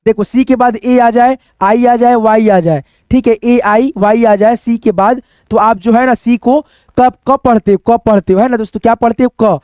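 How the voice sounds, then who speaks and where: A man's voice: extremely high pitch, steady tone, moderate pace, darkish tone, clean tone, no echo. A man teaching English phonics, spelling out letters and repeating each word, asking the class and answering his own questions. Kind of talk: phonics lesson at a whiteboard.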